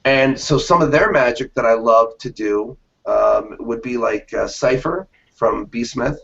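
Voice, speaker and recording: Gravelly-voiced man in his thirties. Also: mid-range voice, unhurried. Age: 30s. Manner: animated storyteller, acts out quoted reactions. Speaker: magician guest. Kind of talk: casual interview conversation. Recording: dull lo-fi interview audio.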